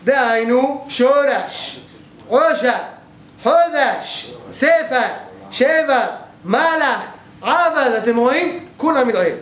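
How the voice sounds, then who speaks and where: A man's voice: very high voice, expressive, fairly bright tone. A male teacher giving a grammar class in a synagogue hall, explaining step by step and often checking that the class follows. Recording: echoey room, faint background noise.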